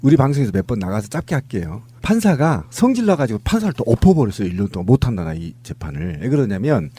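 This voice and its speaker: A man on a panel chat show, his voice disguised with a deep pitch-shifting voice changer, telling a story in a joking, animated way. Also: quick pace, slightly rough.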